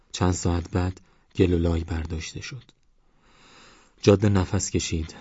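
Male audiobook narrator, calm and even. Low, husky voice, little pitch movement, dry and slightly dull recording. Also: no room sound. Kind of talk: scripted novel narration.

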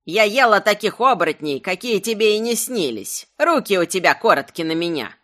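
A narrator voicing a cantankerous ancient talking spear with a shrill old woman's voice, grumpy and indignant. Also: big pitch swings, unhurried, pushed and bright. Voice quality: shrill, screeching. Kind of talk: audiobook character voice.

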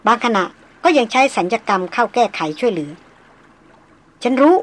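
A woman reading the part of a refined, self-assured young woman doctor, speaking slowly and deliberately. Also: fairly high pitch, expressive. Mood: musing. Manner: slow, measured, deliberate. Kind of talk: audiobook character reading.

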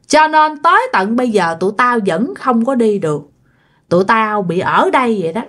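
A woman's voice: on the high side, sing-song, normal speed, fairly bright tone. A woman voicing a vengeful drowned male ghost who threatens, then begs, in a told ghost story. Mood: menacing. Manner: menacing, then pleading.

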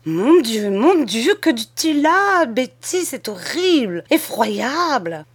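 A woman reading aloud and voicing a shrill, suspicious old woman who scolds her maid and fears fairies. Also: sing-song, normal speed, natural voice. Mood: frightened. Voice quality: sour, shrill.

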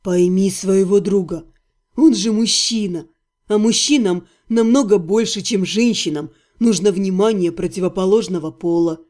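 A woman voicing a quiet, patient older male healer in an audiobook, speaking softly and calmly. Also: mid-range voice, moderate pace, voice pushed down, lightly acted. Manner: quiet, patient, near-whisper. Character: calm older male healer, soft-spoken.

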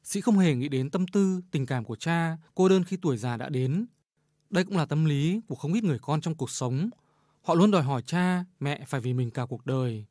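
A man, a radio editor, reading a measured, reflective commentary on a short story. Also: fairly high pitch, expressive, a little mellow, dry recording, clean studio sound. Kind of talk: scripted literary commentary.

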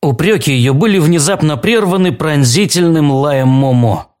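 A man's voice: on the high side, normal speed, a little mellow. Man narrating an audiobook.

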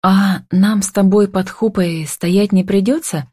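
A woman reading an audiobook and voicing a lively, emotional young heroine in love who exclaims readily. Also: mid-range voice, unhurried, breathy edge, dry recording, studio quality, pitched above the performer's own voice.

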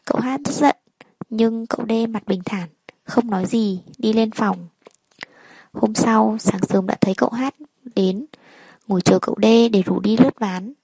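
A woman telling a first-person story in a plain, even narrating manner. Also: fairly high pitch, normal speed, husky, no echo, poor audio.

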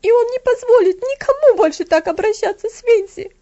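A woman voicing a strong-willed little girl who speaks in a commanding, shouting way. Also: extremely high pitch, lively intonation, brisk, highs cut off, voice pushed up. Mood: tearful shouting. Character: imperious little rich girl.

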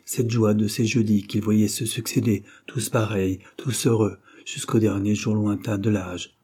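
Low, dark-voiced male narrator. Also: flat delivery, measured pace, breathy edge. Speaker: audiobook narrator. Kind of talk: scripted narration of a classic novel.

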